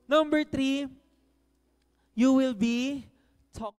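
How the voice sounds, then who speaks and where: A man's voice: very high voice, extremely slow, darkish tone, clear, resonant tone, long reverb tail. A man giving a conversational sermon in Tagalog and English, often checking in with the audience with "No?" and hitting key words with emphasis. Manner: frequent "No?" tag questions to the audience. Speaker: preacher.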